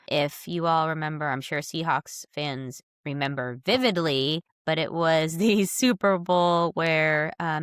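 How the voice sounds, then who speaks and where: A woman co-hosting a sports podcast in casual chat, sounding nasal from a cold, chatty and animated. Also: sits low, clear, resonant tone, dry recording, clean studio sound. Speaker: podcast co-host.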